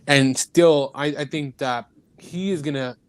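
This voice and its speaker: A man's voice: a little high, measured pace, smooth, no echo. A man on a podcast panel, blunt and profane. He drives his opinions home with emphasis. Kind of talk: casual podcast chat.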